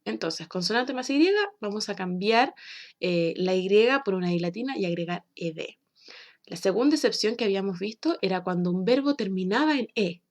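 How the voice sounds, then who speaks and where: A woman from Chile, explaining a recorded English lesson for children slowly and patiently. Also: medium pitch, animated. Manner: slow, clear, patient explaining with drawn-out example words. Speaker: English teacher.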